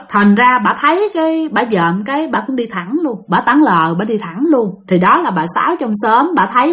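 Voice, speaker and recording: A woman with a Southern Vietnamese accent tells a spooky story, speaking straight to her listeners. Her voice sits a little high, and she slips into the voices of the people she describes. The delivery is lively and chatty. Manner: lively, addresses listeners directly, acts out voices. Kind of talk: spoken ghost story narration.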